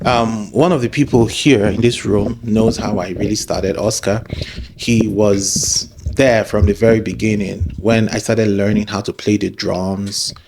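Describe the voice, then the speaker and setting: A man's voice: fairly low pitch, steady tone, measured pace, darkish tone, slight background noise. A man with a Nigerian accent tells his story as an interview guest. He talks casually and animatedly, and sometimes acts out the people he quotes.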